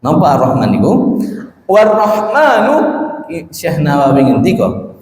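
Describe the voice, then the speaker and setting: A man's voice: a little high, very animated, measured pace, a little mellow. A man with a Javanese accent teaching a religious class, explaining patiently and repeating key terms as he translates Arabic phrases. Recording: echoey hall with long reverb.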